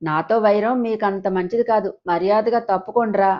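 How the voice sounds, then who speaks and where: A woman's voice: medium pitch, normal speed, highs cut off, close to an everyday voice. A woman voicing a brutish, abusive older husband who bullies and threatens. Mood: menacing. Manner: menacing, bullying.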